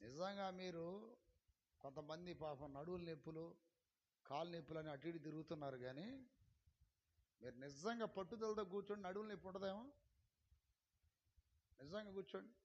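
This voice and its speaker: A man preaching a sermon in a high voice. He drops to low, close talk, then bursts into loud calls and questions to the congregation. The recording is dull and lo-fi. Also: moderate pace, long pauses. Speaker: pastor.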